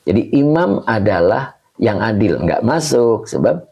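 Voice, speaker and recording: A man teaching as a religious teacher, reading a classical text slowly, patiently repeating each term and asking his listeners questions. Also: lowish voice, lively intonation, warm tone, husky. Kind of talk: slow kitab reading and grammar lesson.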